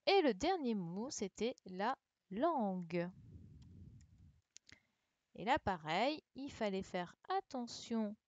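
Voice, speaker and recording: With a voice on the high side, sing-song yet darkish, a woman teaching primary school corrects a dictation online at a measured pace, barely pausing as she spells letters and checks on her pupils. A computer mic on the video call records dull, lo-fi audio with no room sound.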